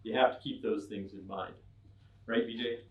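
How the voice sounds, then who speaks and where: A man's voice: on the low side, steady tone, normal speed, lo-fi sound. A middle-aged man giving a humorous technical talk to an audience, acting out mock dialogues with a wry touch. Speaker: conference speaker. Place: event room with an audience. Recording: echoey room, mic at a distance.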